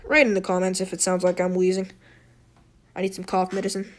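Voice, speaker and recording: A woman with a hoarse, slightly wheezy voice giving a casual, unscripted game tutorial in a rambling, self-deprecating, apologetic way. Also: fairly low pitch, monotone, fairly quick. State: hoarse throat. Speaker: tutorial host.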